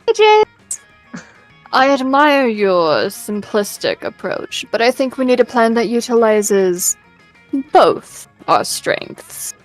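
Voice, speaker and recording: A woman voicing a cold, calculating snake woman in a video game, speaking slowly and formally as she plots. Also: fairly high pitch, sing-song, soft background music, rough recording. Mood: condescending.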